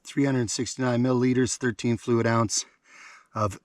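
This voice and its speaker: Outdoors at a lakeside campfire, a man from Canada films a laid-back cooking vlog, chatting with enthusiasm and talking through mouthfuls while tasting the food. His medium-pitched voice has a flat delivery at a moderate pace, and there's no echo.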